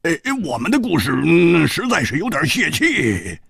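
Man putting on a boisterous swordsman, high and excitable, swinging wildly in pitch, husky edge, storybook reading. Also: dry recording, exaggerated voice. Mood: excited. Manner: high, fast, exclamatory with many fillers. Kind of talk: audiobook storytelling.

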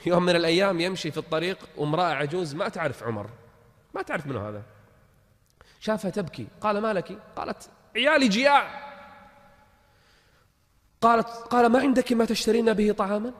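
Male preacher, high voice, storytelling sermon, dramatic loud-to-hushed delivery, long echo. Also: fast talker. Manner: dramatic, swings between loud exclamations and hushed tones.

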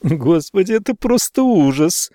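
A man's voice: a little high, drawn-out words, gravelly, warm tone, voice pushed up, heavily acted. A man voicing a furious, tearful woman who shrieks insults at the lover who wronged her, in an audiobook. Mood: distraught. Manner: shrieking insults, then sobbing.

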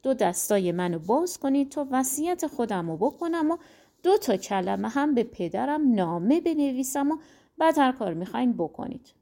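A proud young prince snaps back in quick, indignant retorts, with a woman reader taking the part. Her tone is slightly raised and lively in pitch, a storybook hero read aloud. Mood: commanding.

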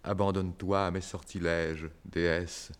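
A slow, deep-voiced sad clown. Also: male voice, flat delivery, clear, resonant tone. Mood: tender. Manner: soft, slow and deliberate, rising to bitter outbursts. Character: sad male circus clown, tender and bitter. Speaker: Celui. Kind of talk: 1960s French radio drama acting.

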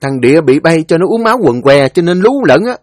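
A man's voice: on the high side, big pitch swings, a little fast, no echo, clean studio sound, pitched above the performer's own voice. A man playing a stern hot-tempered old father. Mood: angry. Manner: gruff threatening scolding.

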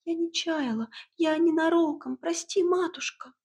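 A woman voicing a timid young tsar's daughter who speaks in a high, trembling, pleading voice. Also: fairly even intonation, moderate pace, slightly rough. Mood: frightened.

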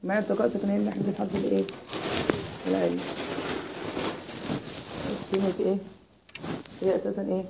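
An Egyptian woman gives a call-and-response Arabic grammar lesson, constantly asking her students "what?" Her medium-pitched, level voice is quick, shows vocal fry, and pauses often. The audio is dull, with background noise.

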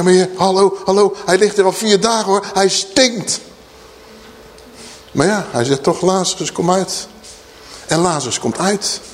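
A man's voice: high voice, darkish tone, big-room sound. A man preaching a sermon in an earnest teaching style, asking rhetorical questions.

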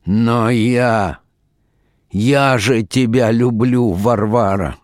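A man's voice: mid-range voice, drawn-out words, no echo, clean studio sound. A man voicing a self-pitying middle-aged husband in an audiobook, nasal and drawling, declaiming melodramatically. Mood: pleading. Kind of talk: audiobook reading.

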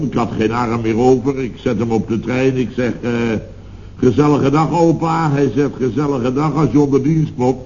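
A man's voice: medium pitch, a little mellow, close to an everyday voice. A man playing a rambling nostalgic contractor boss. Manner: rambling, hesitant, tag questions. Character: rambling nostalgic middle-aged male building contractor. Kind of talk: 1960s radio comedy acting. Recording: dull old radio recording with faint hiss.

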